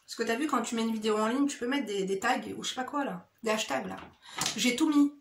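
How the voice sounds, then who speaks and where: Talking fast in a higher-pitched voice, a woman beauty vlogger runs through an informal get-ready-with-me makeup chat, direct and slangy with her audience and frequently using "hein." The background is noisy and the indoor room sounds roomy and echoey.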